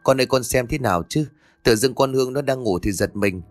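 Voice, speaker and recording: A man's voice: mid-range voice, a little fast, faint music behind, close to an everyday voice. A man doing a fretful superstitious old mother-in-law. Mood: frantic. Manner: fretful, knowing folksy talk. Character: older village mother-in-law, anxious, superstitious.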